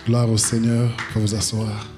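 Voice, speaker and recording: A man in his forties from the Republic of the Congo, preaching in a church hall on a handheld mic and pausing in short phrases for his interpreter. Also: lowish voice, monotone, loud music behind the voice. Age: 40s. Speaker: apostle, guest preacher. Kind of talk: sermon with interpreter.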